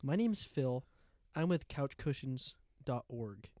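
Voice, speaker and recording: A man voicing a pushy, overly polite telemarketer delivering a scripted sales pitch. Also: expressive, slow pace, mellow, no room sound, studio quality.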